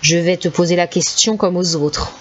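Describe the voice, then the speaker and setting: A woman's voice: lowish voice, steady tone, lightly acted. Woman doing a taunting ancient witch. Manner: slow, taunting, drawn-out. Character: ancient cruel skeletal old witch on a swing. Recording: slightly dull with faint hiss.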